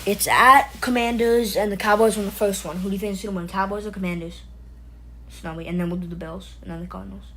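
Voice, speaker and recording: A woman's voice: mid-range voice, fairly even intonation, quick pace, a bit bright, a little hiss or hum, poor audio. A woman hosting a casual live stream, joking around, rambling loosely and calling out to viewers by name. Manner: playful, jokey, talks to chat by name; loose and rambling, frequent fillers and restarts. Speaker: livestream host.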